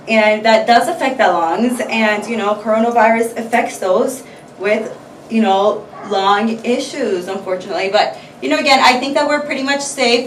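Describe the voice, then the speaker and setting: A woman's voice: fairly high pitch, fairly bright tone, slight background noise. A woman chatting casually to her viewers in a rambling vlog, full of fillers. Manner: chatty, scattered, many fillers. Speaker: vlogger. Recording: echoey room, mic far off.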